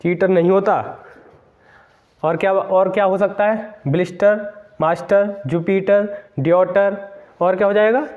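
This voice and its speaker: A man's voice: high-pitched, steady tone, a little slow, a little mellow, highs cut off. A man teaching English grammar for competitive exams, emphatic, repeating words and spelling them out letter by letter. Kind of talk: exam-prep grammar lesson.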